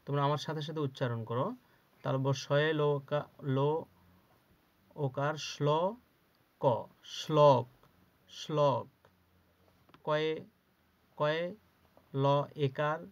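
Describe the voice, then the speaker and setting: A man's voice: on the high side, steady tone, takes it slowly, pauses often. A man teaching a spelling lesson to children, spelling each word out syllable by syllable and answering his own questions. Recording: dull lo-fi recording.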